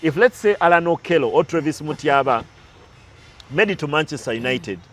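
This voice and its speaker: With a fairly high, a bit bright voice and lively intonation, a man moves fairly quickly through recent football matches. His casual sports talk is analytical pundit-style, full of side stories and occasional restarts.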